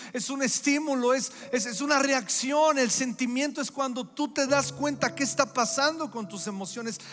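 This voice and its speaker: A man's voice: extremely high pitch, a bit bright. A middle-aged man preaching a sermon, with an emphatic, repetitive cadence. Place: church hall. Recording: echoey hall with faint music.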